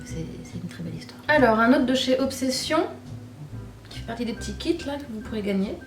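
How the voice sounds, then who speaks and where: A beauty vlogger in her thirties from Normandy, France, chats to camera in a high-ish, animated voice, a little fast. She gushes, repeats herself and trails off with fillers, recorded off-mic in an echoey room with faint music behind.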